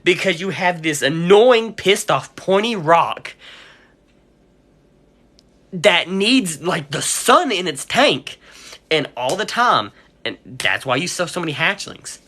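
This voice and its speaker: A man's voice: high-pitched, very animated, slow, pauses often, pushed and bright. A man who owns a pet store, ranting on a casual livestream, swearing often and sounding heated.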